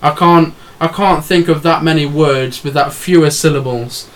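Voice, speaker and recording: A man's voice: on the high side, normal speed, a loud crowd. A man from England co-hosting a podcast, hesitant with many fillers and crude, self-mocking jokes. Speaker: podcast co-host. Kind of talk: casual chat.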